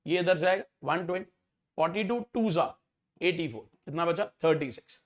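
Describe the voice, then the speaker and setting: Male maths teacher, high-pitched, methodical exam-prep delivery. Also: moderate pace. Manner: explains step by step, often checks if students follow.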